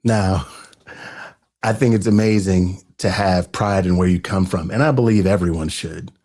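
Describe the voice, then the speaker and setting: A man hosting an earnest, conversational commentary, growing animated as he talks. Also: fairly low pitch. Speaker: host. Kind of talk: casual commentary.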